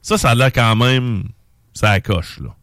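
A man's voice: mid-range voice, measured pace, fairly bright tone, no room sound, clean studio sound. A middle-aged man with a Québécois accent hosting a casual chat, rambling and hesitant with lots of fillers. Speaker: podcast host.

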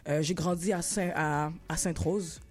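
A woman's voice: low voice, fairly even intonation, darkish tone, faint music behind. Laid-back Québécois woman rapper. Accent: Québécois French. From Laval, Quebec. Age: 30s. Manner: laid-back, halting with many restarts and slang. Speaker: rapper guest. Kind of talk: casual interview chat.

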